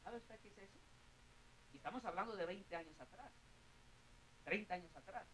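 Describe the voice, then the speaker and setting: A man's voice: high-pitched, normal speed, sharp tone, slight background noise, poor audio. A man with a Mexican Spanish accent preaching a sermon and telling his own story, earnest, often repeating words and calling the listeners brother. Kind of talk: sermon with personal testimony.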